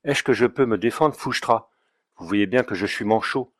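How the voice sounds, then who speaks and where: A man's voice: on the low side, normal speed, dry recording, studio quality, close to an everyday voice. A man voicing a poor, one-armed male porter from the Auvergne, speaking with an Auvergne accent in a heavy, placid voice with a slurred dialect lisp. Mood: complaining.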